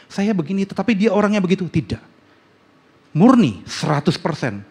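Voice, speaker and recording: A male pastor preaching a sermon, telling a family story, acting out the dialogue and swinging between loud outbursts and hushed asides to the congregation. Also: high-pitched, very animated, moderate pace, slightly rough. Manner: addresses congregation often. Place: church sanctuary.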